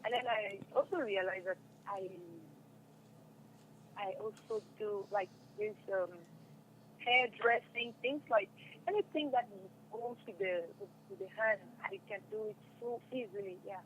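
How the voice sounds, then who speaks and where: Speaking at a measured pace in a mid-range, slightly bright voice, this young actress of stage and radio drama chats casually as an interview guest, echoing her own phrases for emphasis. The audio is muffled, with background noise clearly audible.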